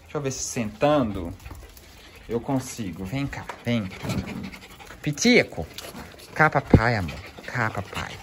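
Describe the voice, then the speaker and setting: A man's voice: mid-range voice, very animated, takes it slowly, long pauses, noisy background. A man with a Brazilian accent vlogging casually with his dogs, chatting to viewers and cooing affectionately at his pets. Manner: chatty, laughs often while talking to viewers. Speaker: pet vlogger.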